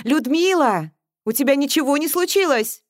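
A woman's voice: high-pitched, lively intonation, normal speed, no room sound, studio quality, pitched above the performer's own voice. A woman reading aloud and voicing a worried mother who calls out anxiously from another floor. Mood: anxious calling. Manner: anxious, calling out. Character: worried middle-aged mother calling from downstairs.

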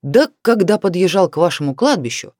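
A woman's voice: lowish voice, sing-song, brisk, darkish tone, dry recording, studio quality. A woman voicing a tired, irritable middle-aged husband who smirks and grumbles. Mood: grumpy. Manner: grumpy, smirking.

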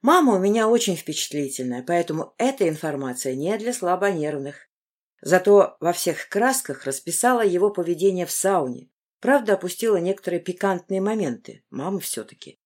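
A woman narrating a first-person audiobook in an expressive, intimate storytelling manner. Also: on the low side, brisk.

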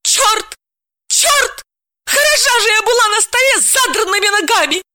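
A woman doing a shrill, frantic wife. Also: animated, normal speed, bright, forceful tone, no room sound, exaggerated voice. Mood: furious, shrill. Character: flustered, furious young wife.

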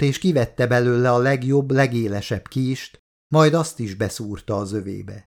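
A man reading a horror novel aloud as an audiobook narrator, steady and measured. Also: mid-range voice.

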